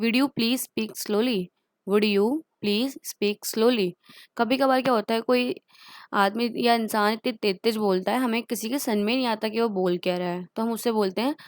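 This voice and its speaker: A woman with an Indian accent teaching everyday English phrases. She says each phrase twice, very slowly, then explains it quickly. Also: on the high side, dry recording, clean studio sound. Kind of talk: spoken English lesson.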